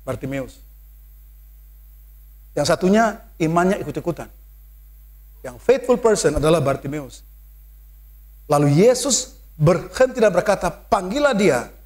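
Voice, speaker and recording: A man with an Indonesian accent preaching a sermon in church, mixing English phrases into his talk and building to loud, emphatic calls. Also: on the high side, sing-song, a little slow, long pauses.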